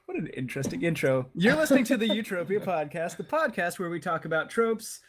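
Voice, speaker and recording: Young man, podcast host, giggly, casual, lively pitch, faint hiss. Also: fairly quick. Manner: giggly, lots of laughing and filler. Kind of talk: casual group chat.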